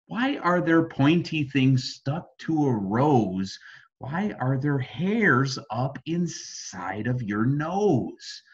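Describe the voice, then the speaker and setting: Man reading as a curious, lively little girl. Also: medium pitch, drawn-out words, breathy edge, muffled recording, full character voice. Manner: inquisitive, emphatic questioning. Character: curious little girl asking endless questions.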